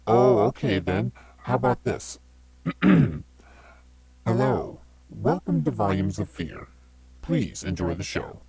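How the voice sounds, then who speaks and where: Guy playing clumsy demon with no confidence, really rough husky voice, kinda deep, comic horror radio play. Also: expressive, takes it slowly, a little mellow, no room sound, exaggerated voice, low-quality recording. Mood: trying hard. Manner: apologetic, self-doubting. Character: bumbling, insecure male demon from beyond.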